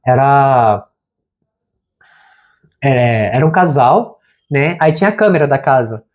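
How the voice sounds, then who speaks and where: A man's voice: mid-range voice, expressive, takes it slowly, a little mellow. A man talks straight to the camera about faith in a loose, chatty way. He leans on slang and keeps dropping "cara" as he goes. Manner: informal and conversational, slangy, says "cara" often. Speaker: therapist and channel host. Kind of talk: casual spiritual talk to camera.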